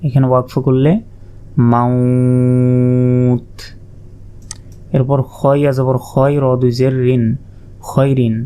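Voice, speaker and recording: Male Quran reading tutor, very dark mellow voice, flat even delivery, spells letters and stretches demonstration words. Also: mid-range voice. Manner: spells out letters slowly and draws out vowels in long, drawn-out demonstration words. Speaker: Quran recitation teacher. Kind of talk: step-by-step Quran reading lesson.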